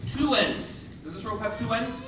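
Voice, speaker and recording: A man in his thirties with a high-pitched, animated voice does playful, jokey kids' party magician patter at a moderate pace, hyping up the children. He is on an indoor library auditorium stage, captured by a distant audience camera in a roomy, noisy hall.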